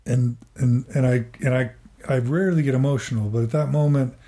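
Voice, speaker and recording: A man in his forties, a therapist and podcaster, speaking earnestly and haltingly in a reflective interview, often restarting and repeating words. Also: mid-range voice, fairly even intonation, warm tone.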